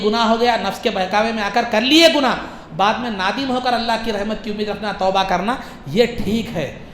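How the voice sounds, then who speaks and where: A man preaching a sermon, repeating his phrases and rising into shouts. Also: high voice, reverberant, a little hiss or hum.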